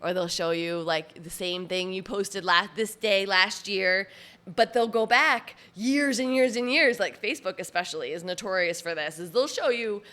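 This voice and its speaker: A woman in her late forties, a personal trainer, hosts her own solo podcast, chatting casually with lots of fillers and frequent little laughs. Her mid-range voice is pushed and bright at a normal speed, and allergies make her sound a bit nasal.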